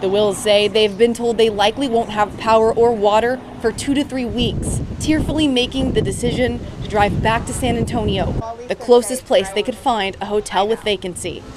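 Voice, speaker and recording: A woman's voice: on the high side, steady tone, normal speed, background noise. An American woman, a television reporter, reading scripted news narration.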